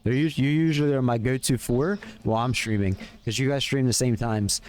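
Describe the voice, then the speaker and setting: Chatting to his stream audience, this young man from Pennsylvania speaks with a Philadelphia accent in a friendly, rambling way full of fillers. His medium-pitched voice has a darkish tone, fairly even intonation and a slightly fast pace, with a bit of background noise.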